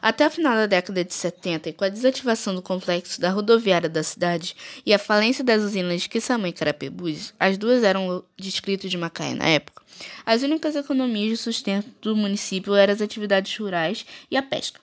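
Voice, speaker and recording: A woman's voice: mid-range voice, quick pace, few pauses. A woman presents a school geography podcast, reading her script in short phrases. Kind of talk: read-aloud school presentation.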